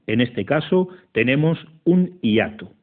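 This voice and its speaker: A man narrates a scripted grammar lesson at an unhurried, methodical pace and counts syllables out one by one. His voice sits at an ordinary middle pitch. The audio is narrow and tinny, like a voice heard over a phone line. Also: expressive. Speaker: teacher.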